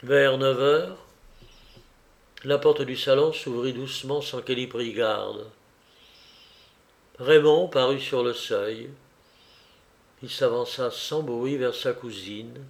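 Male narrator, measured steady reading, classic novel, mid-pitched voice. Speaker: audiobook narrator.

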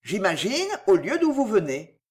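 An agitated young gentleman, jealous and tense, gives clipped orders with a lively rise and fall, as a woman reader voices him. He sounds wounded but holds himself in check, like a character in a read-aloud novel. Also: mid-range voice, moderate pace, natural voice.

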